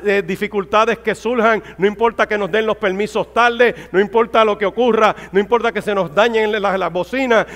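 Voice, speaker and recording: A man's voice: high-pitched, a bit bright. A man, a pastor, preaching a fervent sermon that rises to exclamations. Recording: hall reverb.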